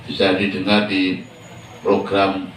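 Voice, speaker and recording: A man's voice: sits low, completely flat delivery, slow, slight background noise. Male preacher, casual question-and-answer sermon style, off-mic in an echoey room. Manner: chatty, asks the congregation many questions. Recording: echoey hall from a distance.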